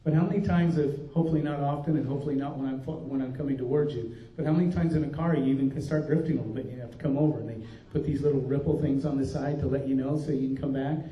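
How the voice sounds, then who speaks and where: Speaking rapid-fire at medium pitch with a steady tone, an older pastor gives an earnest, folksy workshop talk, frequently restarting his thoughts. The conference room recording is distant, dull and roomy.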